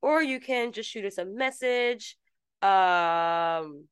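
A woman's voice: mid-range voice, expressive, takes it slowly, clean tone, no echo, clean studio sound. A woman co-hosting a podcast in casual, teasing chat. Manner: chatty, teasing, reads bits aloud. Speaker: podcast co-host.

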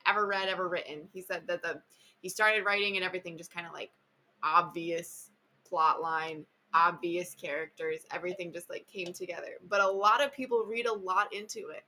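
Bright chatty woman hosting a show. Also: lowish voice, steady tone, a little fast. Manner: chatty, filler-heavy, enthusiastic. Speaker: podcast host. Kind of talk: casual book chat.

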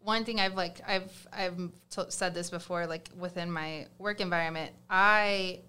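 A woman's voice: fairly low pitch, fairly even intonation, a little slow, sharp tone, smooth. A young woman with a Southern US accent, chatting as a guest in a casual interview, with lots of fillers and restarts.

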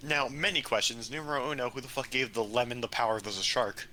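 A man's voice: mid-range voice, fairly even intonation, fast talker, pushed and bright. A young man co-hosting a casual podcast, sarcastic and swearing freely as he riffs. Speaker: podcast co-host. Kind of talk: casual chat.

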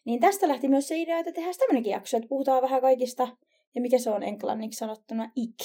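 Young woman cohost, blunt and jokey, slightly high, mellow tone. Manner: blunt, laughs often, playful. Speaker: podcast co-host. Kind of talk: casual chat.

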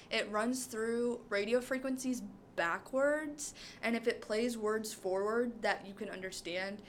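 A woman's voice: mid-range voice, a little hiss or hum. A young woman co-hosting a podcast, recapping a show in casual chat, rambling with many fillers. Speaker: podcast co-host.

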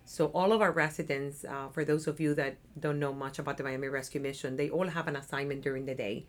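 Here a fast-talking woman with a low voice and fairly even intonation is the guest in a casual office interview. In her thirties and from Cuba, she speaks with a Cuban Spanish accent about her nonprofit community development work. Chatty and cheerful, she often throws in "right?"

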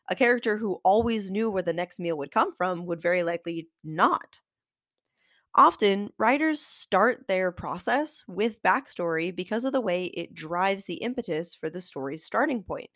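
The host of a fiction writing show, herself an author, reads a scripted instructional lesson aimed directly at listeners, articulate despite a nasal, congested voice from a cold she's getting over. Her voice is mid-range and a bit bright, recorded at studio quality with no room sound.

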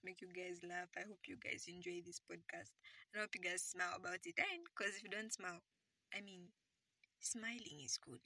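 A woman's voice: medium pitch, vocal fry, pushed and bright, dry recording. A young woman hosting her own podcast in a casual, jokey chat, recorded on a phone and often dropping to a whisper. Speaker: podcast host.

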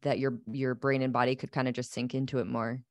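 A woman's voice: very deep voice, little pitch movement, fast talker, darkish tone. A speaker with a woman's voice from upstate New York, thinking aloud in a casual podcast chat with many "like"s.

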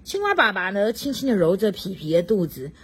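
A woman reading a children's storybook aloud at home to a child, very expressive and stopping to chat with the child. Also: mid-range voice, brisk, a little hiss or hum. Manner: expressive, swoops up for excitement, chats with the child.

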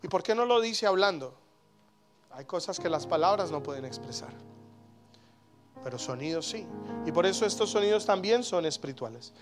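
A man in his thirties preaching a sermon as pastor, animated, with sudden loud exclamations. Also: high voice, normal speed, pauses often, music in the background.

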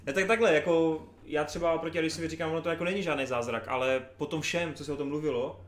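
A man's voice: on the high side, fairly even intonation. Chatty man in an echoey room. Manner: laughs loudly, swears casually. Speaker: podcast co-host. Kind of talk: casual chat. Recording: roomy echo with faint noise.

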